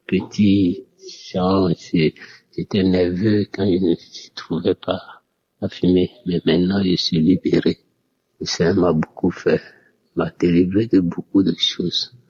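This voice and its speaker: A man speaks a halting religious testimony, taking his time over every phrase. His voice is very low and husky. The voice message sounds dull and lo-fi. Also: lively intonation, a little mellow. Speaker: caller giving a testimony.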